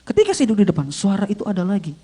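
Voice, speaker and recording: A man's voice: sits high, huge pitch swings, rapid-fire, dark tone, slightly rough. A male pastor preaching a humorous story-based sermon, speaking animatedly and often addressing the congregation directly.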